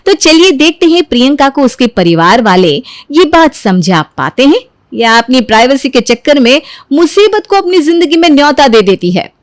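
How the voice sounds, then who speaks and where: Woman, narrator, high voice, dry recording, storybook narration. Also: very animated, normal speed, hardly any pauses, no room sound.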